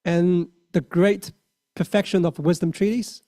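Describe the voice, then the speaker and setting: Man, Mandarin accent, dharma talk, mellow voice, slightly high, halting with fillers. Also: fairly even intonation. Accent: Mandarin Chinese. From China. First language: Mandarin Chinese. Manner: earnest, halting with many fillers and restarts. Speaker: lay Buddhist speaker.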